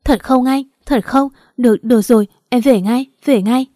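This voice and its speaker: A woman's voice: a little high, normal speed, dark tone, no room sound, studio quality, lightly acted. A woman voicing a frantic young mother. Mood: urgent. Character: anxious young single mother, frantic and tearful.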